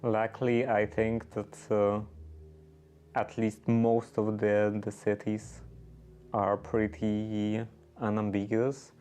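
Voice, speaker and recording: A man whose first language is Polish hosts a casual livestream while knitting. He speaks slowly in a flat, lowish voice, hesitating as he searches for words.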